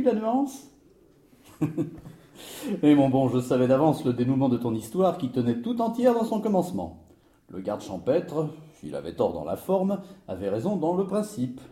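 A man's voice: mid-range voice, dark tone, reverberant. A man playing a wry, pedantic friend who teases and lectures with a mocking, knowing manner. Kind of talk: stage comedy dialogue.

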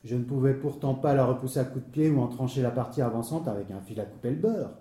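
A man's voice: mid-range voice, fast talker, warm tone, echoey room, natural voice. A man playing a talkative man who tells a comic misadventure with theatrical, wordy flair and is easily flustered. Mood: lively. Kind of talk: stage comedy dialogue.

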